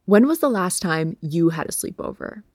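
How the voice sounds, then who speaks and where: A woman's voice: on the low side, lively intonation, moderate pace, darkish tone, dry recording. A woman recording a casual voice message under a blanket at home. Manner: recorded under a blanket, close and muffled-dry. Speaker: podcast guest, producer.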